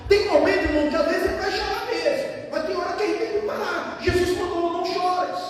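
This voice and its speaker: Male preacher, very high voice, emphatic and repetitive, recorded far off in a reverberant church hall. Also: fast talker, noisy background. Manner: emphatic, repeats phrases, addresses listeners as brothers. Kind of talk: sermon. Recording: echoey hall, distant mic.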